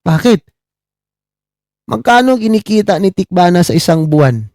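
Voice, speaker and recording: A middle-aged man from the Philippines doing casual live-stream commentary, mocking his subjects, asking "di ba?" again and again and giving shout-outs to viewers. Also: high voice, animated, moderate pace, no echo, clean studio sound. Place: abroad, talking on a live stream.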